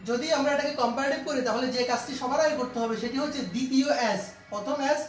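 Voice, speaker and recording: A man's voice: very high-pitched, steady tone, fast, slight background noise. A man teaching an English grammar lesson, repeating key steps and asking his students questions. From Bangladesh. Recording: echoey room, distant mic.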